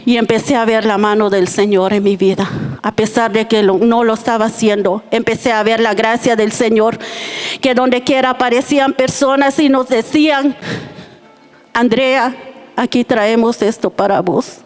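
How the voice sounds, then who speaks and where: A woman's voice: a little high, level tone, normal speed, soft background music. A middle-aged woman telling her personal testimony to a church congregation, earnest and heartfelt. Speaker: church member giving testimony.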